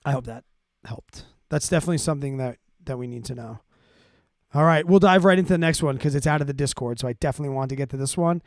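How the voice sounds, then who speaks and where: A finance livestream host talks fast in a medium-pitched, slightly mellow voice, explaining things casually to his live audience and answering their questions. He often checks in with "right?" and "okay?", and the sound is clean studio audio without room sound.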